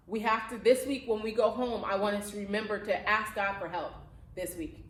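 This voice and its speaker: A woman preaches to young people in an echoey room. Her delivery is earnest and encouraging, with plain, conversational phrasing at a medium pitch, as a youth pastor talking straight to her listeners. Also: fairly even intonation, normal speed, fairly bright tone.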